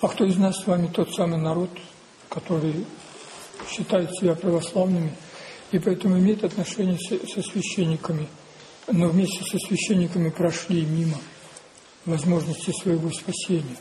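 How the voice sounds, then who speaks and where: Slow, mellow-voiced male preacher. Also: high-pitched, steady tone, a little hiss or hum, poor audio. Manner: slow, deliberate, repetitive, with rhetorical questions. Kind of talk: sermon.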